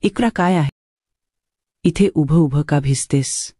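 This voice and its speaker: A woman's voice: low-pitched, slow, mellow, no echo, clean studio sound. A woman voicing a rude rich young man who talks to her in a stern, ordering tone. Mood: curt.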